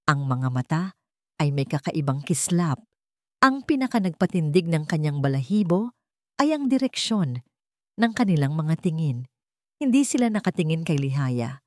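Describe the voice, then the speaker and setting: A woman with a Filipino accent narrates a scripted romance drama as an audio storyteller, delivering it dramatically. Her voice is lowish with a darkish tone, and the recording is dry with clean studio sound.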